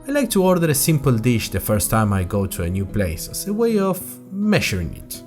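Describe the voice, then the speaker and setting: This is scripted audio drama in podcast form: a man with a medium-pitched voice, talking fairly quickly over soft background music. In the role of an inquisitive young student journalist, he recounts his adventures with chatty, wry, expressive storytelling.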